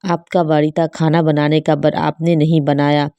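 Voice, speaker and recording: A woman voicing a young daughter-in-law who dodges chores, read in a flat, even storybook manner. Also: low-pitched, normal speed, dry recording.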